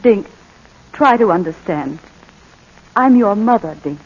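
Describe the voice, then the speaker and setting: Unhurried and slightly rough, with a mid-range voice and lively intonation, a woman portrays a tender, anguished mother pleading with her estranged son. Her delivery is tender and hesitant, captured on a muffled old 1940s radio recording.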